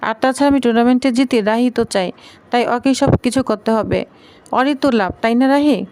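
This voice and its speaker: A brusque, hurt young husband in a family serial, speaking in short clipped phrases, read by a woman narrator. The voice stays fairly high, close to her own reading. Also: fairly quick, a little mellow, clean tone, dry recording, close to an everyday voice. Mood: curt.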